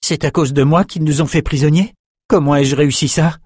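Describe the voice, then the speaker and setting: Brief: earnest young swordsman, brave, higher and brighter than the reader's own voice, as a male narrator puts him on. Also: fairly even intonation, fairly quick, slightly rough, no echo, studio quality.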